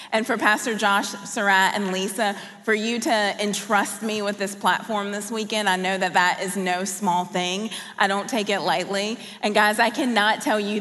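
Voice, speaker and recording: A woman's voice: mid-range voice, bright, forceful tone, big-room sound. A woman raised in Colombia giving a sermon as a guest speaker, talking in a personal, conversational way and asking the audience questions. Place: large church auditorium.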